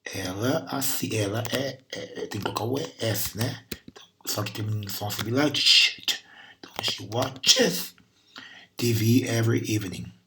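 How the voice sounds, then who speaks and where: A man's voice: fairly low pitch, normal speed, slight background noise. A Brazilian man teaching English grammar and pronunciation, patiently repeating sounds and words to demonstrate them. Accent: Brazilian Portuguese. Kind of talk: recorded class lesson.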